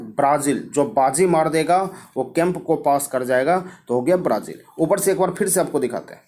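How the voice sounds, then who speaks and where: A man's voice: a little high, a little mellow. Man teaching by quiz. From Bihar, India. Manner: repetitive, quizzing himself with questions and answers. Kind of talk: mnemonic geography lesson.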